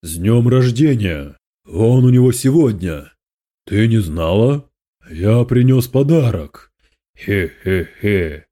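A man's voice: lowish voice, expressive, slow, dark tone. A man reading aloud, voicing a spiteful male demon lord who hisses and gloats with scorn. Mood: mocking.

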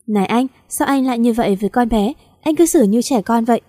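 A woman's voice: a little high, quick pace, mellow, lightly acted. A woman voicing a concerned, protective older sister in a read-aloud story.

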